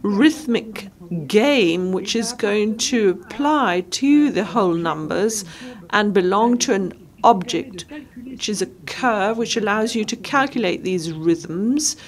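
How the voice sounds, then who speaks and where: A woman giving live interpretation of a lecture, speaking in short halting phrases and correcting herself as she goes. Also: medium pitch, expressive. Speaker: simultaneous interpreter.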